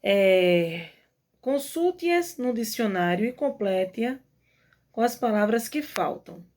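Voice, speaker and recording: A middle-aged woman with a Brazilian accent, recording a remote lesson for young pupils. She talks patiently and clearly, moving step by step through the material. She keeps checking that the children follow along. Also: fairly high pitch, animated, slow, darkish tone. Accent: Brazilian Portuguese. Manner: patient, explanatory, frequent checking "tá?". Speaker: primary school teacher.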